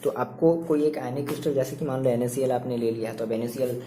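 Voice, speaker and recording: Mellow-voiced man teaching a chemistry class. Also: mid-range voice, fairly even intonation, quick pace, a little hiss or hum. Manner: chatty, repeats himself, asks and answers his own questions. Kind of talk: online class lecture.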